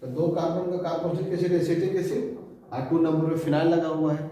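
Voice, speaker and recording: A man's voice: a little high, fairly even intonation, warm tone. Echoey male chemistry teacher. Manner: repeats key terms slowly, quizzes students. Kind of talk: classroom lecture. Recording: echoey room, voice from a distance.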